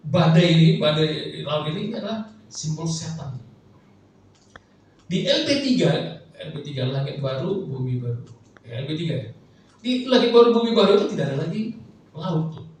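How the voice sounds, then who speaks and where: A man's voice: on the high side, a little hiss or hum. A male pastor preaching a casual, chatty sermon, joking and acting out prayers for the congregation. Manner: chatty, jokes and acts out prayers. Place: church hall. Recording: echoey church hall, mic far off.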